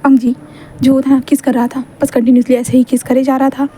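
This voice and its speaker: Quick chatty woman telling a fan story, high mellow voice. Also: level tone, slightly rough. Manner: narrates and voices every character in the same chatty tone, with stumbles and fillers. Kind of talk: casual fan-fiction storytelling.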